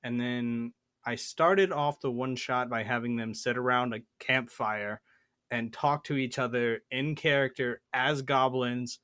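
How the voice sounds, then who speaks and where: A man's voice: medium pitch, steady tone, unhurried, a bit bright, clean tone, dry recording, studio quality. A man hosting a tabletop gaming podcast, telling a story in a playful, boastful way. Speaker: podcast host. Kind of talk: casual chat.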